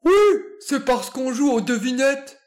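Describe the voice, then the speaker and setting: Bouncy cartoonish pup in a kids' storybook, eager and playful, drawn-out words, as a woman reads him. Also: high-pitched, steady tone, darkish tone, voice pushed up. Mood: excited. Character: excitable young male dog, a ball of energy. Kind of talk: storybook reading for children.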